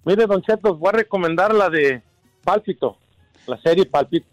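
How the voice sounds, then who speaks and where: A man's voice: high-pitched, lively intonation, normal speed, no room sound, soft background music, low-quality recording. A man on a radio show, eagerly explaining a series he recommends.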